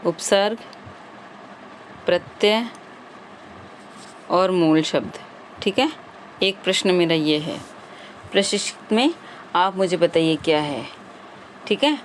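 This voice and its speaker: A woman's voice: on the low side, animated, slow pace, pauses often, slight background noise. A woman teacher running an exam-prep grammar lesson, quizzing viewers and repeating the answers.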